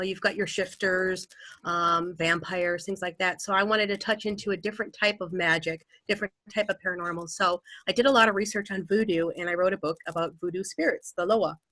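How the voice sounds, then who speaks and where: A woman from Wisconsin speaks as an author in a casual panel discussion over a video call. Her medium-pitched voice sounds pushed and bright with no echo, and she's easygoing, with frequent fillers.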